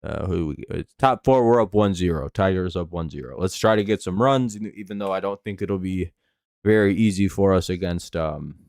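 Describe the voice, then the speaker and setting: An American man hosts a casual sports live stream in a low voice, recorded dry and close. His s sounds whistle with a slight lisp from false teeth. He rambles through play-by-play and chat like a fan, swearing as he goes. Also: animated, moderate pace, darkish tone, no echo. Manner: rambling, profane, laid-back fan talk.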